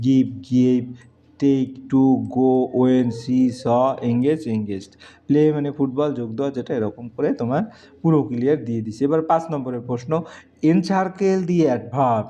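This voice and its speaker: Bengali-accented male tutor, mellow and muffled. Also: medium pitch. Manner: reads English answers slowly, then explains quickly with Bengali translation. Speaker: teacher. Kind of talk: exam-prep lesson. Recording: dull lo-fi recording.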